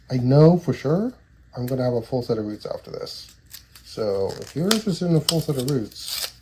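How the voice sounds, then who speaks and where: A man's voice: mid-range voice, vocal fry. A man in his thirties with a stuffy, nasal voice from a cold, casually reading card names aloud and chatting while opening card packs. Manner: rambling, reads card names aloud between asides. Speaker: trading card collector opening booster boxes. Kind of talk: casual box-opening commentary. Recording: noisy with card shuffling and clicks.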